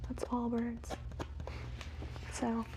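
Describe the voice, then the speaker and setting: A woman whispers wildlife facts in a soft, measured ASMR reading, as quietly as someone watching animals. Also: on the high side, completely flat delivery, background noise. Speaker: ASMR host.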